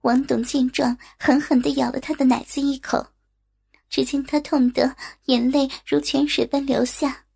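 A woman reading a story aloud as narrator, in a steady, even storytelling manner. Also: high-pitched, moderate pace, vocal fry, slightly rough.

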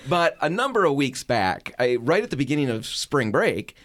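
A middle-aged man hosting a radio show, chatting casually and telling a story in an animated way. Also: medium pitch, moderate pace, no echo, studio quality. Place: radio studio.

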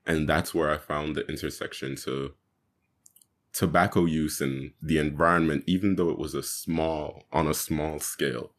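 A young man from Jamaica, a guest activist, talking earnestly in an interview with pauses to think. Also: very deep voice, steady tone. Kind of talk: casual interview talk.

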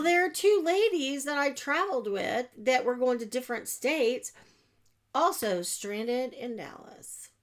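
Animated woman telling a travel story. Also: fairly high pitch. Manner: animated, acts out dialogue with whiny and squealing voices. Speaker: podcast host. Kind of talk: storytelling monologue.

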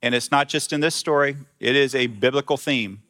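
Bright-voiced male pastor preaching. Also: mid-range voice, a little fast. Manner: conversational, animated retelling with voiced quotes. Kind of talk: sermon. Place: church sanctuary with screen.

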